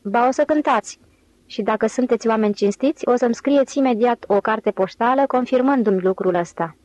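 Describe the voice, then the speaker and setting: A woman's voice: fairly high pitch, darkish tone, dry recording, natural voice, poor audio. Woman reading as a mocking, cocky prophet. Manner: scornful, teasing, confident. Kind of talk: audiobook reading.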